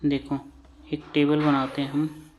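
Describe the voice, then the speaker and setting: A man's voice: a little high, completely flat delivery, measured pace, a little mellow, a little hiss or hum. A man with an Indian English accent teaching shorthand vowels, patiently repeating each term while he writes. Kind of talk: slow classroom lesson at a board.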